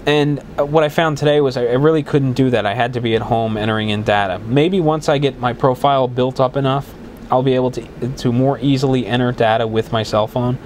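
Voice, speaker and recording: He's a podcast host going solo, chatting in a rambling, casual style with many fillers and restarts. Brisk and a little mellow at medium pitch, his voice is congested and slightly worn from a head cold, with slight background noise.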